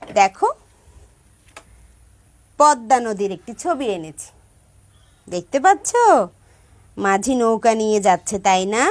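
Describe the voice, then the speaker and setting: A woman's voice: mid-range voice, animated, slow, long pauses. A woman music teacher giving a song lesson to primary school children, patiently stressing careful pronunciation and checking in with her pupils. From Bangladesh.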